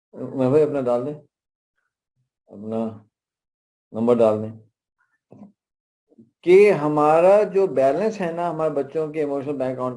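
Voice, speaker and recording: A man's voice: medium pitch, dark tone. A middle-aged man with a Pakistani accent leading a parenting workshop, talking in a conversational way with personal stories and frequent asides. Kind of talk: workshop lecture.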